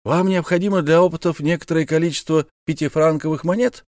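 A man's voice: a little high, steady tone, fast, a little mellow, no room sound, clean studio sound, pitched above the performer's own voice, lightly acted. A man voicing a firm, commanding male army captain who serves as governor, for an audiobook. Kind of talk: audiobook character voice.

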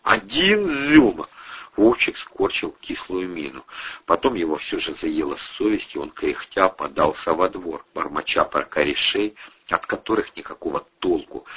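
Deep husky male audiobook narrator. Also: normal speed, fairly bright tone, lo-fi sound.

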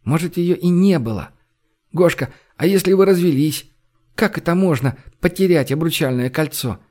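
A man's voice: sits high, animated, moderate pace, darkish tone, pitched above the performer's own voice. A man reading an audiobook, voicing a distraught young woman who pleads and bursts out between sobs. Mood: desperate. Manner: pleading, sobbing outbursts.

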